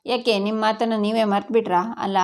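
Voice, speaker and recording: A woman's voice: medium pitch, level tone, a little fast, lightly acted. A woman voicing a middle-aged mother-in-law who argues and reproaches her husband. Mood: reproachful. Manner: reproachful, arguing.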